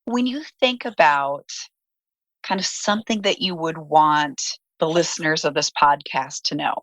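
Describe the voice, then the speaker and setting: A woman's voice: low voice, a little slow, fairly bright tone, dry recording, low-quality recording. A woman interviewing a guest on a podcast in a conversational, friendly and appreciative manner.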